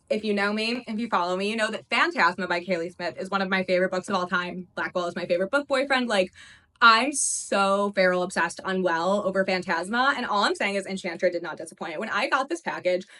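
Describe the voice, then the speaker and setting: A young woman in her twenties gushing over books in a casual reading vlog, talking quickly and full of "like" fillers. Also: medium pitch, a bit bright. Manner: gushing, fast, lots of "like" fillers. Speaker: book reviewer. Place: her apartment, indoors.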